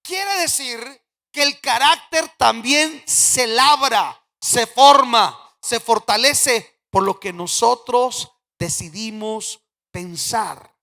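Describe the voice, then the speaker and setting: Man, pastor, sermon, bright tone, emphatic then hushed, reverberant church sanctuary. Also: takes it slowly, vocal fry. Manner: swings from loud emphatic declarations to quiet low asides. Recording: church hall with long reverb.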